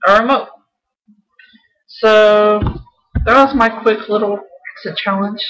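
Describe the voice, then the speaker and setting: A woman's voice: medium pitch, fairly even intonation, takes it slowly, a bit bright, rough recording. Offhand young woman. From South Carolina, United States. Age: young adult. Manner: offhand, informal. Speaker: vlogger. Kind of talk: casual chat to camera, reading out a word list. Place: small room at home.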